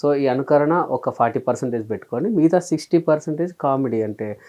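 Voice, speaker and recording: A Telangana-born comedian and mimicry artist talks through his story as an interview guest in a casual chat, his voice medium-pitched and a little fast. He's animated, slipping into quoted asides to act out things he once said.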